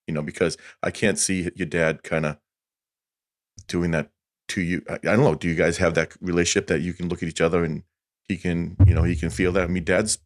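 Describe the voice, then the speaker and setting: A man with a very deep voice co-hosting a music podcast. He talks in a loose, conversational way and often chimes in. The sound is dry and close, with no room echo. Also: level tone, brisk. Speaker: podcast co-host. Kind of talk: casual podcast chat.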